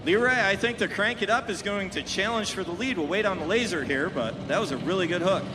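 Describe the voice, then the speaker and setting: A man's voice: high voice, brisk. A man working as a tractor pull announcer, giving live commentary in a conversational, explanatory way. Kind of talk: live sport commentary, explaining classes and standings. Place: outdoor motorsport track. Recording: loud engine and vehicle noise outdoors.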